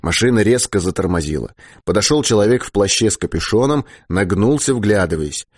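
A man narrating a science fiction audiobook in a measured, expressive reading style. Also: fairly low pitch, slightly rough, no echo, studio quality.

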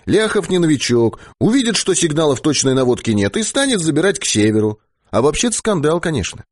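Man doing a self-assured official, raised pitch, husky, lively. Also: a little fast, no echo, clean studio sound. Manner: assured, dismissive.

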